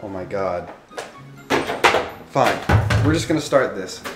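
A man's voice: fairly low pitch, slow pace. Nasal man joking through a party game. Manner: excitable, swears, joking banter. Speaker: gameplay video host. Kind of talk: casual chat while playing. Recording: roomy with game music behind.

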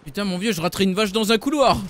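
Loud, excitable young male streamer. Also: high-pitched, rapid-fire, slight background noise. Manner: loud, joking, swearing often, talks to chat. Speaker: gaming streamer. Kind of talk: excited live gameplay commentary.

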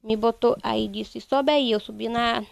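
A young woman, giving a halting, repetitive first-person account in a news interview. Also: fairly high pitch, steady tone, gravelly, dry recording. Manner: halting, repetitive retelling, quoting others. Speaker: interviewee, bereaved mother.

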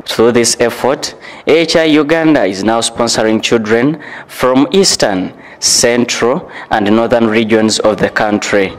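Measured male documentary narrator. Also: mid-range voice, soft background music, poor audio. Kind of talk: scripted narration.

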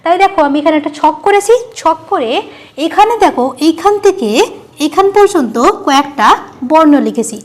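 A woman's voice: extremely high pitch, animated, normal speed. A woman teacher explaining a grammar lesson at a board, asking her students questions and answering them herself, repeating each key term.

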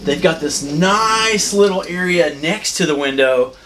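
This is a man in his forties hosting a walking room-tour vlog, his voice sitting a little high. He sounds upbeat and chatty as he guides the viewer through a small ship cabin. The camera mic picks up a faint hum of room noise behind him. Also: lively intonation, measured pace. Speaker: cruise vlog host.

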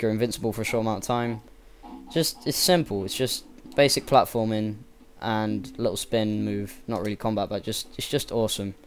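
A young man giving casual, rambling gameplay commentary, enthusiastic and swearing freely. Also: on the low side. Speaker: let's play gamer.

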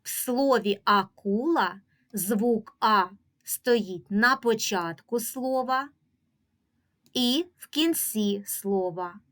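A woman with a Ukrainian accent teaching a reading lesson to young children, drawing out each example word slowly and giving patient, clearly paced instructions. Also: on the high side, a bit bright. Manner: slow, drawn-out pronunciation of example words.

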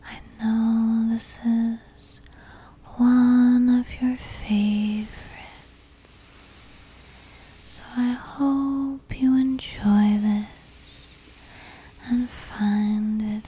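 Slow, soft-spoken woman in ASMR ASMR role-play. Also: fairly high pitch, steady tone, low-quality recording. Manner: soft, soothing, breathy soft-spoken with long pauses. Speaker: ASMR host playing a spa massage therapist.

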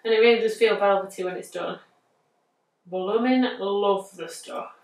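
Her mid-range voice has a darkish tone and moves at a moderate pace. She is a woman in her thirties from England with a northern accent, a nail artist chatting easily through a design step by step as she thinks aloud, in a bright indoor studio captured by a distant mic with a roomy sound.

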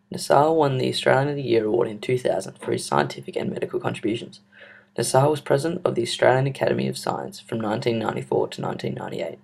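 A man's voice: medium pitch, gravelly, a little mellow. A young man narrating a school history project in an earnest, scripted reading. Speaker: student narrator.

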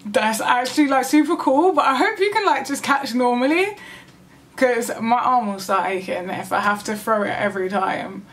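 A woman gaming vlogger reacting live to a trailer, gushing and excitable, with squeals and gasps. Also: on the high side, moderate pace.

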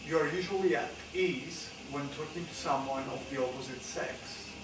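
Guy reading a questionnaire, kinda high voice, uh uh a lot, echoey and far off. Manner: halting, many uh fillers. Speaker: study participant interviewer. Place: VR cave room. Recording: echoey room, heard from afar, noisy.

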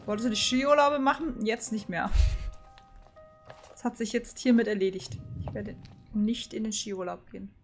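A fairly high-voiced woman streams a horror game live, nervous and jumpy, chatting to her viewers between scared outbursts. Soft game music plays faintly behind her desk mic. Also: steady tone, normal speed. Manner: jittery, talks to chat, frightened outbursts.

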